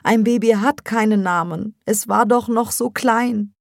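A woman reading an audiobook, voicing a distraught middle-aged mother who pleads in a high, strained voice. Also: measured pace, no echo, clean studio sound. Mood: tearful.

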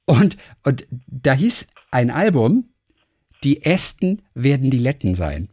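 Husky man with a lively voice, chatting. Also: medium pitch, takes it slowly. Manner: rambling, reads facts aloud, self-correcting. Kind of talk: casual chat.

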